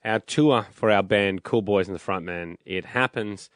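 A man with an Australian accent hosting a radio show in casual banter, jokey and quick to laugh. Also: lowish voice, noisy background. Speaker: radio host. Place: radio studio.

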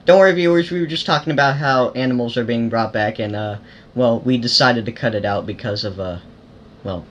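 A man hosting a gaming channel, giving casual commentary while playing, excitable and yelping in fights. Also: medium pitch, a little fast, a little hiss or hum. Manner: excitable, yelps during fights.

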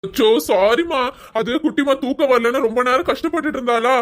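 A woman voicing a doting, soft-hearted young husband in a cartoon serial, coaxing and soothing with baby talk. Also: high-pitched, brisk, close to an everyday voice.

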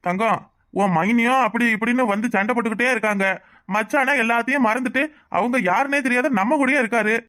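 A quick, mid-pitched voice of a greedy cartoon husband, as a performer puts him on, sweet-talking in the open and plotting money schemes under his breath. He talks with a southern Tamil accent from Tirunelveli, over faint music. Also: a bit bright, natural voice. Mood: wheedling. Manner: wheedling aloud, plotting asides. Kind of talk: cartoon voice acting.

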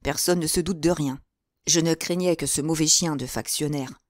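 A woman's voice: normal speed, no echo, clean studio sound, close to an everyday voice. A woman reading a greedy, nervous jailer. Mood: furtive. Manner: low, furtive and greedy. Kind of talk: audiobook character reading.

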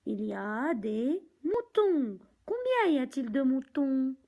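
A woman teaching young children from a picture book, speaking slowly and deliberately, repeating words and counting aloud. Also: high-pitched, big pitch swings, mellow, rough recording.

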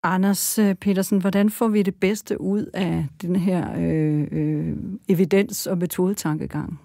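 A woman's voice: on the low side, fairly even intonation, gravelly, dark tone, no room sound, clean studio sound. A woman hosting a podcast panel discussion, putting probing, direct questions to her guests. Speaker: podcast host.

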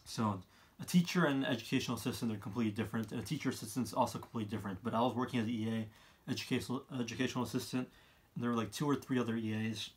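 A man, giving his opinions in a casual monologue, halting and often repeating himself as he rambles. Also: medium pitch, fairly even intonation. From Canada. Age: 20s. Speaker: vlogger, college student. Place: small room indoors, seated by a wall.

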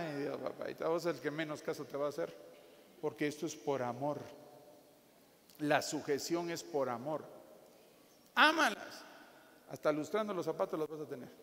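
Joking preacher man in an echoey hall. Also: on the high side. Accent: Guatemalan Spanish. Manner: jokey, animated preaching with acted asides. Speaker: pastor. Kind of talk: sermon. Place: church hall. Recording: echoey hall with faint ambience.

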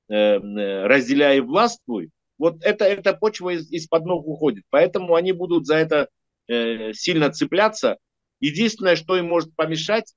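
An older man, a diplomat, giving measured political analysis in an interview, hesitating and correcting himself often. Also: a little high, dry recording, lo-fi sound. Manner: measured, lecturing, many hesitations and self-corrections. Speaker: diplomat and regular guest analyst.

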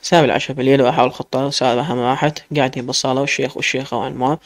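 Man, Iraqi accent, storyteller, romance story reading, quick pace, mid-range voice. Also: medium pitch, fairly even intonation, no room sound.

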